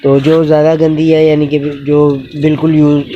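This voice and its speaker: A man in a casual instructional vlog, explaining goat care outdoors in an unhurried way with many pauses and fillers. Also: a little high, completely flat delivery, highs cut off, slight background noise. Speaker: goat keeper and channel host. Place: outdoors in a yard with animals.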